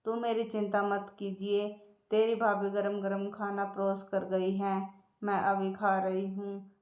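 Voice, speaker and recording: A woman voicing a gentle, trusting elderly mother who speaks softly and hesitantly, in a storybook reading. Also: mid-range voice, monotone, unhurried, close to an everyday voice. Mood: pleading. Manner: soft, pleading, hesitant. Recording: echoey room.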